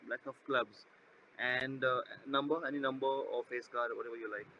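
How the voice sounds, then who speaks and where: A man's voice: medium pitch, steady tone, moderate pace, sharp tone, dull audio. A man talking casually through a card trick like a magician, repeating himself and often checking with his listener. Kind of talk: casual patter while doing a trick. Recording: noisy background hum.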